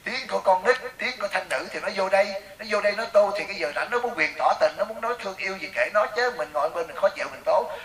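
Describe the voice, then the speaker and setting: A man with a Southern Vietnamese accent, giving a Buddhist sermon as a teacher and telling lively stories that question the audience. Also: high-pitched, quick pace, few pauses. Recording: echoey room, voice from far off, faint hiss.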